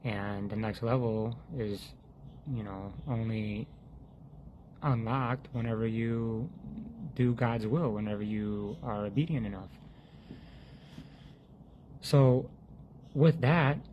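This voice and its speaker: A man giving an earnest, halting personal testimony about faith, often restarting his sentences and sinking to a hush when he quotes his prayers. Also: lowish voice, steady tone, lo-fi sound, a little hiss or hum. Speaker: faith vlogger sharing a testimony.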